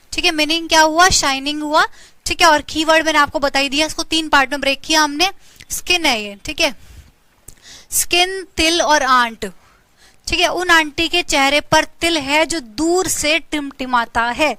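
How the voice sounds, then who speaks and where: A high, bright-voiced Indian woman teaches English vocabulary in an online exam-prep class. Her throat is slightly sore, and she keeps repeating each word and asking students to say it back. The close recording sounds dry, with no room echo. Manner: repeats words, asks students to say them along.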